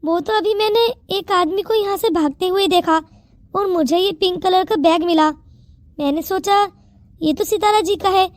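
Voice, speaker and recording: Someone voicing a polite loyal young guy in a cartoon, high pitched, dry. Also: moderate pace, dry recording. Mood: earnest. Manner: respectful, earnest. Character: young man, loyal village guard, earnest. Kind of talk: cartoon story voice acting.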